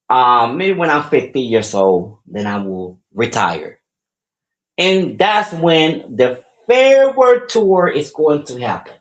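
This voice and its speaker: On a rough recording, a medium-pitched man in his forties hosts a casual solo podcast. The wrestler keeps things upbeat, rambling along and often saying the same words again.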